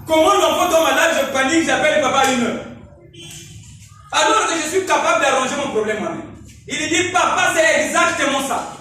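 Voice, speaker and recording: A man preaches in a very high, bright and forceful voice, pressing his points with shouts and repeatedly asking his listeners if they follow. He sounds distant from the microphone in a strongly echoing room, with faint noise behind him. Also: fairly quick. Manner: emphatic preaching, often shouting and checking in with listeners. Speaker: pastor. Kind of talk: sermon. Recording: echoey room, mic far off, faint noise.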